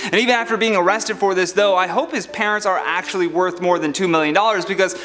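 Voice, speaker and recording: A man's voice: high-pitched, quick pace, bright, forceful tone. A man presenting online news and commentary as a host, in a chatty, casual and emphatic way. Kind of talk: upbeat presenter news commentary, reading scripted stories and viewer comments.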